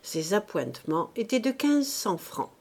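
Female narrator for a classic novel: slow, measured, with lively expressive intonation. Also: mid-range voice. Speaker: audiobook reader.

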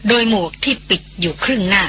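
Bright-voiced woman reading a novel. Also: mid-range voice, lively intonation, fast, slight background noise. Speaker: audiobook narrator. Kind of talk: scripted novel narration.

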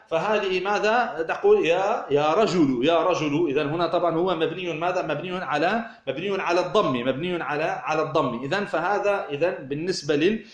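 A man teaches grammar at a fast clip, his voice sitting high. He keeps asking a question and then answering it himself, restarting phrases along the way. The room around him is echoey. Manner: explanatory, asks himself questions and answers them, many restarts. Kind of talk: recorded grammar lesson.

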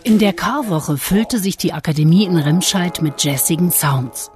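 A woman reporter giving calm, measured, scripted documentary narration. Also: on the low side. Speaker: radio reporter. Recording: narration over loud music.

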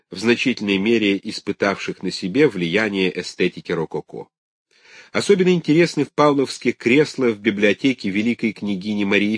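A man with a lowish voice reads a scholarly text aloud, measured and lecture-like. His intonation rises and falls in a lively way. The sound is close and dry, with no room around it. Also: slightly rough, no room sound. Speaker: audiobook narrator.

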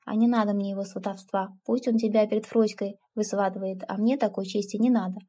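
A woman's voice: medium pitch, fairly even intonation, a little fast, mellow, natural voice. A woman voicing a blunt, stubborn older village aunt who scolds and mocks in folksy speech. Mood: mocking.

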